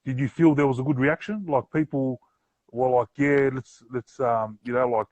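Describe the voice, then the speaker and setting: A man's voice: medium pitch, steady tone, normal speed, darkish tone, no room sound, highs cut off. A man with a broad New Zealand accent hosting a casual interview, speaking in slangy, affirming phrases and often saying bro. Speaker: podcast host and interviewer. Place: remote live-stream call.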